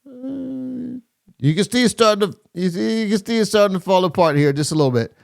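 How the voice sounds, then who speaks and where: A man's voice: high-pitched, expressive, a little fast, creaky, over loud music. A man hosting a casual reaction video, critiquing a rap verse with lots of fillers and scatted rhythms. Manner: many fillers and restarts, scats rhythms aloud. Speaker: host reviewing rap verses.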